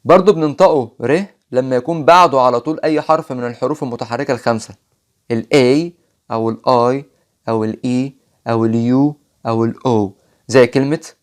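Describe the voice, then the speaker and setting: Egyptian male teacher, mid-pitched, patient, drills English words one by one. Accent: Egyptian Arabic. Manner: patient, repeats example words slowly. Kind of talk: phonics lesson.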